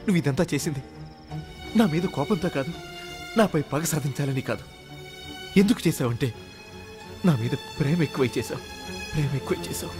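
A man's voice: on the high side, lively intonation, moderate pace, pauses often, lightly acted. An actor playing an obsessive, emotional young man in a film drama, pleading and at times mocking. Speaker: film hero. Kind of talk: Telugu film drama acting. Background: film score music.

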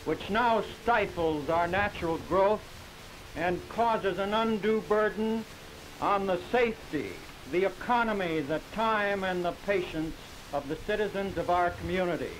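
A man giving a formal ceremonial speech in stately, measured oratory, heard as old 1950s newsreel audio. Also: high voice, rough recording. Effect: old 1950s newsreel audio with hiss. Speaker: speaker at a public groundbreaking.

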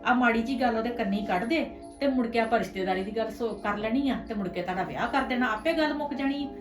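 A woman's voice: a little high, quick pace, far from the mic, lightly acted. A middle-aged woman playing a scheming aunt who arranges a match, persuading and pressing for agreement. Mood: coaxing. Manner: persuasive, keeps asking for agreement. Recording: echoey room, voice from afar, music behind.

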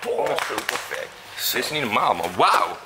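A man's voice: medium pitch, expressive, normal speed, a loud crowd. A young man in casual, joking chat with friends, picked up by a nearby handheld camera in a big store. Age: young adult. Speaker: vlogger's friend. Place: large wholesale supermarket, indoors. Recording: very noisy shop ambience.

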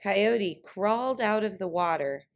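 A woman reading a trickster tale picture book aloud as scripted narration, with deliberate, clearly phrased storytelling. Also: medium pitch, lively intonation.

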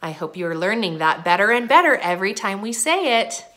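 A young woman teaching an online preschool lesson, talking gently and sing-song to small children. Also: mid-range voice, sing-song, a little fast.

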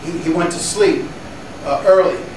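An actor in his forties playing a desperate criminal suspect in a dramatic monologue, confessing with a halting, stammering, pleading delivery. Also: high voice, close to an everyday voice. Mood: desperate, defensive. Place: indoor studio against plain backdrop. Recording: roomy, distant mic, noisy air-conditioner hum.

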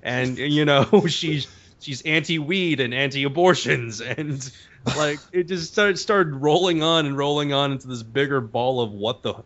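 Chatty voice actor, lo-fi audio. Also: male voice, a little high, a little slow. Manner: animated storyteller, peppered with "like" and "um". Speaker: voice actor guest. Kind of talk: casual podcast chat.

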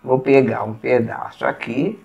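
A woman with a Brazilian Portuguese accent, patiently showing step by step how to eat at the table and pausing to eat as she goes. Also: extremely low pitch, steady tone, vocal fry, darkish tone, dull audio. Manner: patient, explains step by step while eating. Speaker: etiquette instructor. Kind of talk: casual demonstration.

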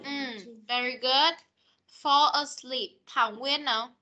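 Patient woman teacher, high bright voice, drilling words over a video call. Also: fairly even intonation. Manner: patient, corrective, models words slowly. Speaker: English teacher. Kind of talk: online class pronunciation drill. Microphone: computer mic on video call.

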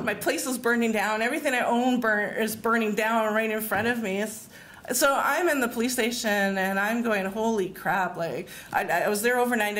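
A woman's voice: fairly high pitch, fairly bright tone, echoey room, slight background noise. A woman telling a personal story in a rambling, casual way, full of fillers, laughter and swearing. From Canada. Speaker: award winner telling her story.

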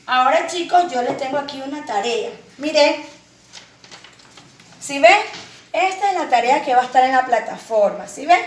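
A woman preschool teacher giving an online phonics lesson, talking to small children in a slow sing-song with drawn-out words and coaxing questions. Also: high-pitched, fairly bright tone. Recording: echoey room, voice from a distance.

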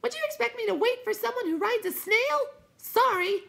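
A man reading aloud, voicing a jittery little will-o'-the-wisp in a high, creaky voice. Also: heavily acted. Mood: hurried. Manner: high, rapid, excitable. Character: jittery will-o'-the-wisp, a tiny bouncing light spirit.

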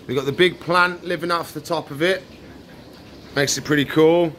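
He talks at a normal speed with fairly even intonation and a fairly bright tone, his voice on the high side. This thirties-aged pet shop vlogger explains what he's doing in an unscripted, informal vlog from an indoor aquarium shop, with slight background noise.

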